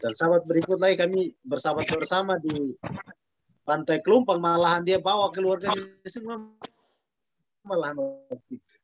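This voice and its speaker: Earnest pastor telling a story. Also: male voice, a little high. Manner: earnest, recounting with quoted dialogue. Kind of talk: storytelling in a church talk. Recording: dull dry sound.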